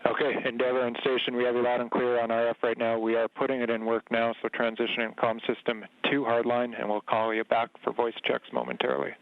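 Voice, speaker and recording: A man working as a mission control communicator, giving measured, procedural call-outs over a space-to-ground radio. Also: mid-range voice, completely flat delivery, gravelly, no echo. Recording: phone-like narrowband radio link.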